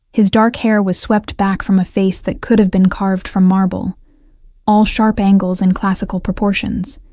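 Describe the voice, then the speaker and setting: A woman reads a first-person romance story at a measured, steady pace. Her voice is mellow and held to a narrow, even tone, and the sound is dry and close. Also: mid-range voice, no echo. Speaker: audiobook narrator.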